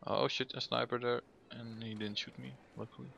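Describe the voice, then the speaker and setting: Bright-voiced man, casual gaming commentary. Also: medium pitch, little pitch movement, a little fast, creaky, a little hiss or hum. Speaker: gaming host. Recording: dull, band-limited mic over music.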